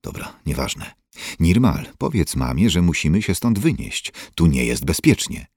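A man's voice: a bass voice, very animated, moderate pace, darkish tone, breathy edge, no echo, clean studio sound, full character voice. A man playing a frightened, pleading son. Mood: urgent. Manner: urgent, pleading.

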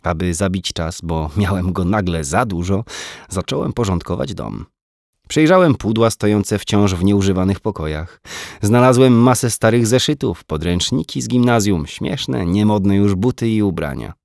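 A man's voice: on the low side, animated, normal speed, gravelly, a little mellow, dry recording, clean studio sound. A man narrating an audiobook in the first person, reflective and brooding, with a self-mocking edge.

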